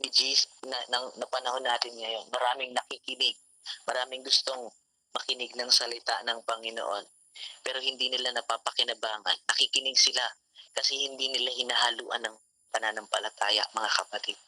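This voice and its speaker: A man's voice: medium pitch, little pitch movement, fairly quick, sharp tone, dry recording, poor audio. A man giving a Taglish sermon at an online devotion, often repeating "mga kapatid" to his listeners. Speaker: youth devotion speaker. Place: home, online meeting room. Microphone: call mic.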